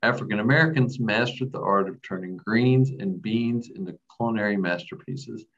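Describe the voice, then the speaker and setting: A man reading a presentation in a measured way. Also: on the low side, fairly bright tone. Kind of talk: read presentation. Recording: distant dull lo-fi mic.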